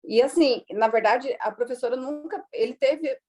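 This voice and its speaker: A Brazilian woman with a Brazilian Portuguese accent, chatting casually as an interview guest, lively and trailing off into restarts. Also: high-pitched, moderate pace.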